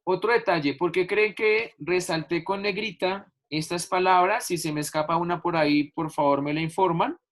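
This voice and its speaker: A man's voice: sits high, moderate pace, few pauses, fairly bright tone. A male teacher explaining a lesson over a video call, patiently stretching out key words and repeating examples. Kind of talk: online class explanation.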